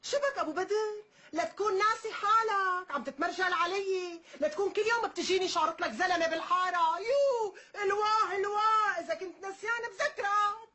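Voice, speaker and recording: An actress playing a loud, sharp-tongued wife from an old Damascus alley, speaking with a Damascene Syrian accent. She shouts and wails. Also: brisk, hardly any pauses, noisy background. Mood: indignant. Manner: shrill, wailing and shouting. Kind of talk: TV drama acting. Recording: TV drama audio with music underneath.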